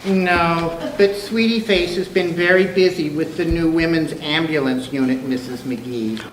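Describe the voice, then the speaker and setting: Man playing a slow, high-pitched meek husband, echoey. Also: lightly acted. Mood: cheerfully meek. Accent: American. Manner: polite, mild, slow folksy delivery. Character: meek, henpecked middle-aged husband, mild and cheerful. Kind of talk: old-time radio comedy acting. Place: clubhouse hall, live performance. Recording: echoey clubhouse, distant mic, clear noise.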